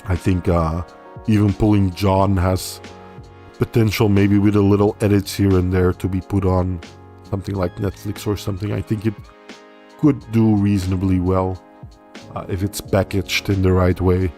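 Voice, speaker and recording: With a deep voice and a moderate pace, a young man whose first language is Dutch rambles through a casual livestream. He reads viewers' comments out loud and answers each in a laid-back way, faint music audible behind him.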